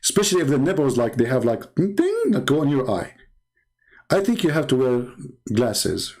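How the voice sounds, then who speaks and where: His pitch swoops wildly around a mid-range center while he keeps a normal speed and a darkish tone. A man from the Middle East who speaks Arabic natively, with an Arabic accent, he hosts a casual live stream, mocking sarcastically as a religious apologist and repeating phrases to underline them.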